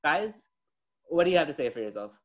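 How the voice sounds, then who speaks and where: A boastful, self-satisfied ghost of a dead president holds court in a comedy podcast skit, as a young man puts him on. The voice is bright and a little high. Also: very animated, quick pace, highs cut off. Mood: smug. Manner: smug, boastful.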